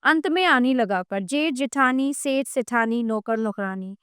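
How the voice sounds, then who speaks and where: Slow, crisp woman reading a grammar lesson. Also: a little high, lively intonation, a bit bright, no room sound, studio quality. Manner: slow, clear list reading with pauses between words. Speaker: grammar teacher. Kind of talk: reading a textbook lesson aloud.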